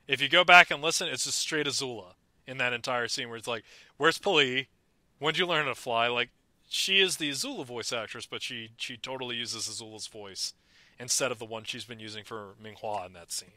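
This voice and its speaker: A young man co-hosting a podcast, chatting excitedly about a cartoon and breaking into mock voices. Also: medium pitch, brisk, no echo. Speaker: podcast co-host. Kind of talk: casual chat about a cartoon.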